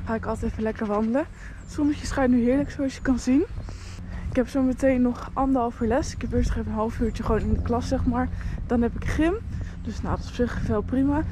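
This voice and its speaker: A woman's voice: a little high, fairly even intonation, fairly quick, background noise. A young woman in her late teens, chatting upbeat and enthusiastic to a handheld phone camera in a family vlog. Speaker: family vlogger. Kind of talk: casual vlog chat to camera.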